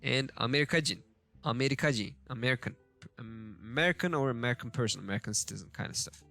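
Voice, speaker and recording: Guy going thru a lesson out loud, slow and halting, keeps fixing himself, mid pitch. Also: gravelly, soft background music. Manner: halting, self-correcting, thinking aloud. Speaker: language learner teaching a lesson. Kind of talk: casual screen-share lesson commentary.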